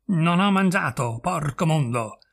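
A man voicing a parrot that slowly bellows the coarse curses of a dead, brutal husband. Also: on the high side, animated, breathy edge. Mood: grumbling. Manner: slow, drawn-out, coarse cursing.

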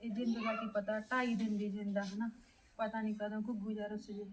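An actress playing a young wife who returns home and pleads with the family. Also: female voice, medium pitch, flat delivery, brisk, crowd noise, close to an everyday voice, rough recording. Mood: remorseful. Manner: talks to herself, then questions everyone urgently. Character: young wife coming home to her husband, regretful.

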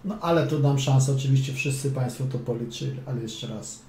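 Male chess coach, casual commentary, mellow voice, echoey room. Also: medium pitch, a little fast. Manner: playful, chatty, drifts into quips and mutters. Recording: roomy echo, faint room hum.

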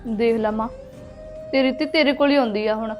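A woman's voice: fairly high pitch, a little fast, faint music behind, close to an everyday voice. A woman acting a mistreated young widow who answers her brother and sister-in-law meekly, then in despair. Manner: meek, pleading, desperate. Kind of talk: amateur village short-film acting.

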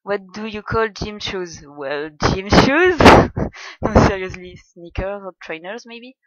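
A young Frenchwoman with a French accent reads words aloud in a casual voice meme, chatting awkwardly and a bit shyly and laughing at herself. Her voice is medium-pitched, animated and slow, captured dry and dull on a lo-fi home mic with no echo.

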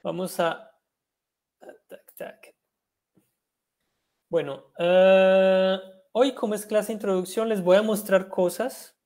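A patient language teacher on a video call, talking at an unhurried, measured pace. They spell words out one letter at a time and move back and forth between Spanish explanations and French example words, in a voice of middling pitch. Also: little pitch movement, darkish tone. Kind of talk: online language lesson.

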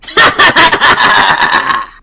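A woman acts out a small, boastful clown villain from a video game, unhinged and theatrical. The voice is creaky and swings widely in pitch. It takes its time, desperate to seem scary, over background music. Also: wildly swooping pitch, very slow, bright, forceful tone, raised voice, exaggerated voice. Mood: gleeful menace. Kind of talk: voicing video game dialogue in a let's play.

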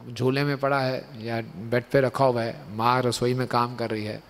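Man preaching a lively storytelling sermon. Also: mid-range voice, moderate pace. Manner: keeps asking listeners for agreement with tag questions; laughs lightly at his own jokes.

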